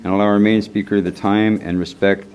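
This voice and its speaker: A man with a low voice chairs a group meeting. He reads the announcements in a steady, practiced way, then breaks into offhand, casual asides. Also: a little fast.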